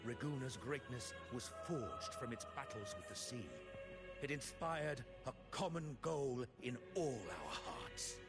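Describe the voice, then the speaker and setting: A man playing a pious, controlled cleric in a video game, speaking in a serene, measured and preachy way. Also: medium pitch, expressive. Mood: serene, solemn. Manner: solemn, measured, preachy, formal. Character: pious, controlled zealot cleric of a religious order. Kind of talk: scripted video game dialogue. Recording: background music under the voice.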